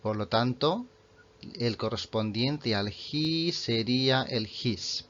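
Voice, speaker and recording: Slow-spoken man teaching English grammar. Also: mid-range voice, a bit bright, muffled recording. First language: Spanish. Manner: slows right down to read English example sentences. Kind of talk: online grammar lesson.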